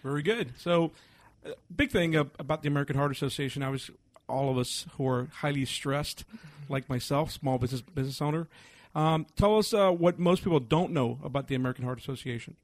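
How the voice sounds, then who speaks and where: Male co-host, Spanish accent, halting and filler-heavy questions, slightly high voice, dry recording. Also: dry recording. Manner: hesitant, many uhs, friendly. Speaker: radio co-host. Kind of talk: radio interview questions.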